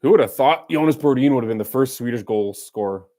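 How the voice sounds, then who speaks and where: Speaking fast in a mellow, medium-pitched voice, a man streams a hockey game live for viewers. His commentary is casual and playful, jumping from play-by-play to teasing banter.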